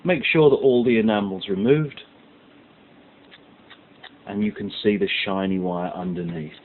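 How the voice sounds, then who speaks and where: Unhurried and fairly low-pitched, a man delivers a step-by-step science tutorial, explaining each stage methodically and emphasizing the key words. The lo-fi audio is muffled, with hiss in the background.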